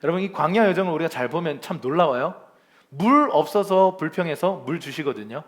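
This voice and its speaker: A male pastor giving a lively, conversational Sunday sermon to a congregation in a church, acting out complaints and chuckling as he goes. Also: a little high, brisk. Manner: chuckles often while speaking.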